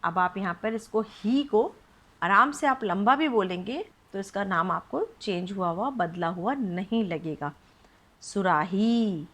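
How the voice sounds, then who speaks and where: Slow, patient woman teaching phonics. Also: mid-range voice, expressive, a bit bright. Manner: slow, syllable-by-syllable spelling out; patient, coaxing questions to young pupils. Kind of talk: children's phonics lesson.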